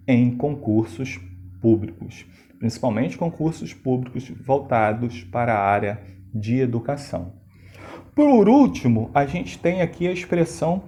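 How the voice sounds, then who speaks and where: Lively male grammar teacher. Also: a little high. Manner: lively, stressing key words, frequent rhetorical questions. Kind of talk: explanatory grammar lesson.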